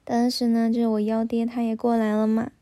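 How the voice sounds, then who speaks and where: A woman with a slightly high, mellow voice shares family stories in a casual chat, speaking a little fast and in a monotone. She keeps checking in with the listener, asking "you know?"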